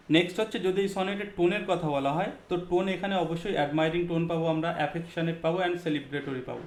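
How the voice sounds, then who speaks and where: A man with a slightly high voice teaches a literature lesson for exam students. He explains step by step with frequent fillers, mixes in English terms and stops to ask if it is clear. The room around him rings with echo. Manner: explains step by step, checks understanding with questions. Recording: echoey room.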